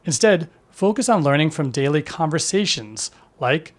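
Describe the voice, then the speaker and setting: Man narrating a scripted lesson, slightly high. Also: animated, normal speed. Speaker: language teacher.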